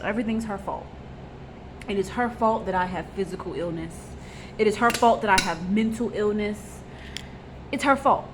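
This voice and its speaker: Against a noisy background, a vlogger in her 20s speaks at a moderate pace in a medium-pitched voice, pausing often. She vents bluntly and rawly in a confessional style, with frequent fillers and repetition.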